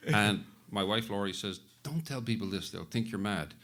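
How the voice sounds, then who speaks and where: A man's voice: on the low side, lively intonation, moderate pace, noisy background. An older man, a festival director, telling a rambling, chuckling anecdote at a live event before an audience. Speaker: festival director, panel guest. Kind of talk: casual storytelling at a live event.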